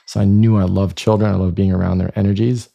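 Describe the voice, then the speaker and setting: Guesting on a podcast, a chiropractor and speaker originally from Croatia, with time spent in Germany and Canada, swaps anecdotes in relaxed conversation. He speaks quickly in a deep, warm voice with vocal fry and a flat delivery.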